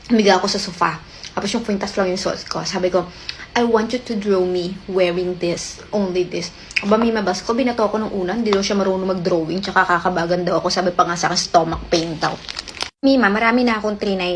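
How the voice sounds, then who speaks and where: A woman's voice: medium pitch, slight background noise. A woman telling a rambling personal story in casual chat, chatty and full of fillers. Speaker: caller sharing a relationship story.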